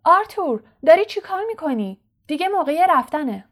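Mrs Weasley, a woman doing a loud fussing mother. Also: a little high, lively intonation. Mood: impatient. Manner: fussing, calling out loudly. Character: warm fussing mother, middle-aged woman. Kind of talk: audiobook character voice.

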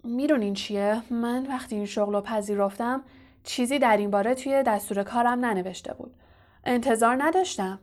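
A woman voicing a vain, evasive male wizard professor who is a fraud, smooth and condescending. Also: a little high, a little mellow, natural voice. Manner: smooth, self-justifying, condescending.

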